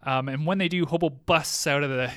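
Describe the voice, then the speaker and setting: A man's voice: on the high side, brisk, fairly bright tone, dry recording, clean studio sound. A man hosting a podcast, recapping an episode in a rambling, playful way and acting out lines of dialogue. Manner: rambling, playful, acts out quotes. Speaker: podcast host. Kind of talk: casual chat recapping an episode.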